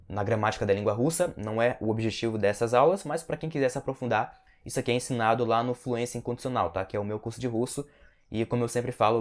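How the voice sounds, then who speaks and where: A man with a Brazilian Portuguese accent teaching a Russian lesson, who repeats words slowly and keeps checking in with a quick "tá?". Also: medium pitch. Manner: ends phrases with a checking "tá?". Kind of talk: language lesson.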